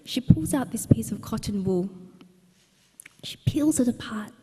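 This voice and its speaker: This young Australian woman's voice is a little high, expressive and unhurried, warm with a breathy edge. She is an author telling a personal story at her book launch, earnest and conversational, often restarting. The setting is a large exhibition centre hall, recorded with a long reverb.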